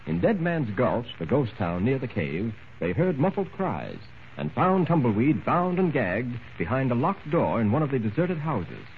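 Lively old radio show narrator, tinny sound. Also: male voice, mid-range voice, moderate pace, a little hiss or hum. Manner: dramatic storytelling narration. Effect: old radio show broadcast recording. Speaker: story narrator. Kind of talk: 1940s radio drama narration.

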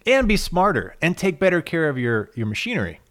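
A man's voice: on the high side, big pitch swings, brisk, fairly bright tone. A male co-host on a car podcast who talks things through at length, easygoing and explanatory. He uses lots of fillers and restarts. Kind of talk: casual podcast chat.

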